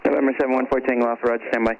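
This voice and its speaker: A man's voice: mid-range voice, level tone, rapid-fire, vocal fry. A man working as an air traffic ground controller, giving clipped procedural instructions over a muffled aviation radio.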